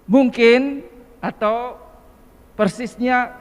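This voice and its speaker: A male emcee speaking in a measured way with hesitations as he thanks the priest. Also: extremely high pitch, steady tone, clean tone. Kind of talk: event hosting. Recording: echoey hall.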